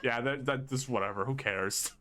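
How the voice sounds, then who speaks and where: A man's voice: mid-range voice, normal speed, pushed and bright. A man co-hosting a podcast in casual chat, opinionated, dry and blunt in his takes. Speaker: podcast co-host.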